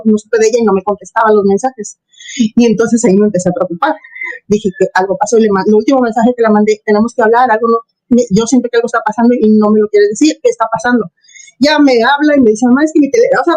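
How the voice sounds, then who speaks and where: A woman's voice: on the high side, a little mellow, rough recording. A middle-aged woman tells her personal story as an interview guest, earnest, with many fillers and acted-out quotes. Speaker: interview guest, former Jehovah's Witness. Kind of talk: personal testimony, casual storytelling.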